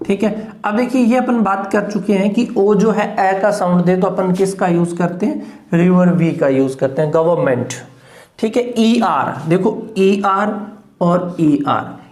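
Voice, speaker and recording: An English phonetics teacher giving a classroom lesson. The teacher breaks words into syllables, drills them slowly, and keeps checking whether the class has understood. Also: mid-range voice, darkish tone. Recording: echoey room.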